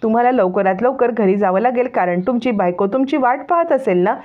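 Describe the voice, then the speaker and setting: A woman voicing a calm, composed young doctor who explains things patiently. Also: fairly high pitch, fairly quick, lightly acted. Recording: tinny phone-like sound.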